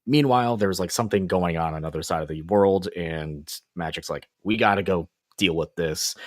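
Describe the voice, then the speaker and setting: This comic book podcast host has a low voice, captured in a dry, clean studio recording. He keeps things relaxed on his casual review show, rambling and cracking jokes while recapping issues.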